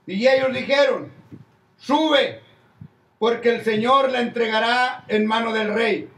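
A man's voice: extremely high pitch, slow, a bit bright. An older man, a pastor, preaching a sermon and calling his listeners "brother" along the way. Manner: preaching with many "hermano" asides. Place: church hall with crowd, indoors. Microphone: stand mic at pulpit. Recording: echoey room, distant from mic.

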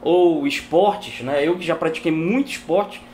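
A woman's voice: low-pitched, measured pace, dark tone. Woman guitar teacher, casual at-home lesson, talky, demonstrates as she speaks, faint background hiss. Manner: chatty, tags sentences with "né?"; explains while demonstrating on guitar.

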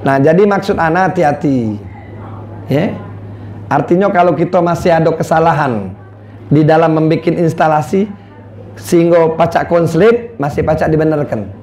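A man with a Palembang Malay accent preaching a sermon, swinging from loud calls to low, quiet lines. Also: normal speed, long pauses, slight background noise.

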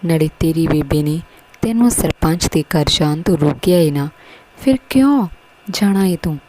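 A woman voicing a cautious, worried teenage schoolgirl who speaks haltingly. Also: sits low, animated, darkish tone, rough recording. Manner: hesitant, pleading.

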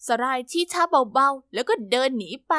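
Young female narrator for an animated story, high and bright, dry close recording. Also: normal speed, no echo. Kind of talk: first-person story narration.

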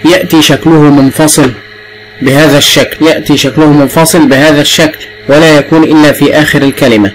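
A man's voice: on the high side, steady tone, low-quality recording. A man with an Egyptian accent teaching the alphabet to young children, drawing out sounds and prompting patiently. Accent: Egyptian Arabic. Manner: patient, drawn-out and repetitive prompting.

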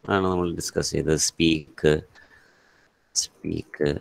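A man's voice: rumbling low, steady tone, unhurried, creaky, no room sound. A man with a Malayali accent teaching English grammar in an online class, switching between Malayalam and English and calling on students by name.

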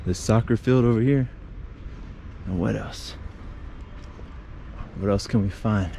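A man in his thirties vlogs a walking tour on city streets, chatting casually and easily impressed, filming himself with an action camera held at arm's length. His voice is lowish and dark with vocal fry, and he takes it slowly. Street noise and passing cars fill the background.

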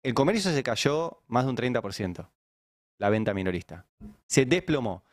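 An Argentine man hosts a political discussion, laying out arguments step by step with irony. The studio sound is close and dry. His pitch sits in the middle. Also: big pitch swings, normal speed, no room sound. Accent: Argentine Spanish. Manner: explanatory, ironic. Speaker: panel host. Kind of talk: political panel talk.

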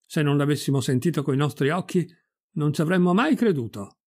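A man voicing indignant housemaids scolding their master in a shrill way. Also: expressive, a little fast, a little mellow.

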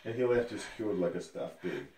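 A man's voice: deep voice, animated, a little fast, a little mellow, recorded from a distance. A man performing a dramatic scene as a stern, contemptuous rescuer interrogating someone. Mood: cold, probing. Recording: echoey room, off microphone.

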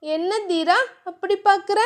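A woman reading the part of an innocent, timid young heroine in an audiobook novel, her voice lifting high and soft. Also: steady tone, moderate pace. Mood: shy.

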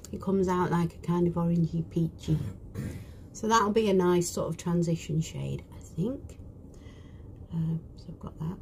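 A woman with a broad British accent chatting casually during a live makeup stream, often slipping into soft whispered asides while she works, in a small cruise cabin. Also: on the low side, vocal fry, slight background noise. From United Kingdom. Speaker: beauty vlogger.

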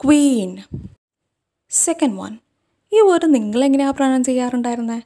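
A chatty young woman with a Malayali accent teaches English pronunciation in a relaxed, casual way. Her voice sits a little high but sounds mellow and warm. She keeps turning to the viewer with questions. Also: fairly quick. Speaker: English teacher, channel host. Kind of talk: casual lesson to camera.

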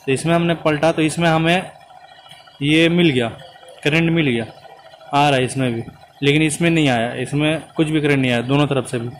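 Outdoors, inside a car and then at its open engine bay, a young mechanic works on an engine and explains the repair step by step for a close phone camera. His slightly high voice keeps fairly even intonation at a moderate pace, and there's a little hiss or hum.

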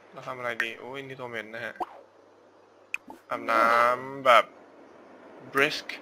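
A man's voice: mid-range voice, level tone, takes it slowly, background noise. A man giving casual let's-play commentary, rambling and thinking aloud as he goes, often repeating words while he decides what to do next. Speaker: gaming YouTuber. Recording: game music clearly behind the voice.

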